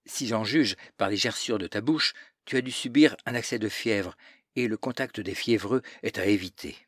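A man's voice: lowish voice, normal speed, no echo, studio quality, natural voice. A man voicing a stern, pious older aunt who lectures her niece with self-satisfied moralizing. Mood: lecturing.

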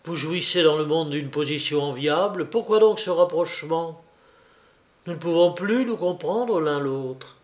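A male reader voicing a troubled young man who answers in hurried, jerky, bitter phrases, in a spoken novel reading. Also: on the high side, lively intonation, darkish tone.

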